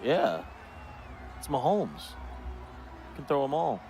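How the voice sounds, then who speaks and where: A man's voice: mid-range voice, big pitch swings, slow, dark tone, faint music behind, some chatter behind. A man giving casual live analysis of a football video game, often repeating himself as he agrees. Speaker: esports analyst and commentator.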